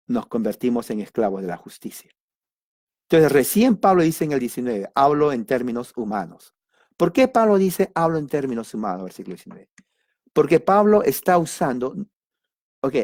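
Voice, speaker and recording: A man's voice: medium pitch, darkish tone, dry recording, studio quality. A man giving an informal Bible study lesson, talking conversationally and addressing listeners directly, with emphatic asides. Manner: emphatic asides and sudden exclamations. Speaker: Bible teacher.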